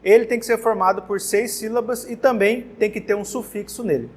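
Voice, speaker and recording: High-voiced Brazilian man teaching grammar. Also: steady tone, brisk, slightly rough. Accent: Brazilian Portuguese. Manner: casual, repeats words and checks in with "tá?". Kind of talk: exam-prep grammar lesson. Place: classroom with whiteboard.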